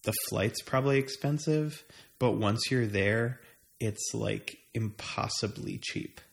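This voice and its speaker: In a gravelly, medium-pitched voice, an American man takes his time as he swaps travel stories in a casual chat. He sounds hesitant, thinking aloud as he goes.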